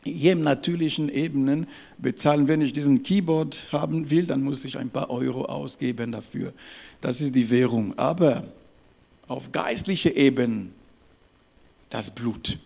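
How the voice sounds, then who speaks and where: A man preaching a sermon to his congregation, emphatic and halting, often checking in with "ja?" and "Amen". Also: mid-range voice, vocal fry, a little mellow. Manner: halting, with restarts and fillers.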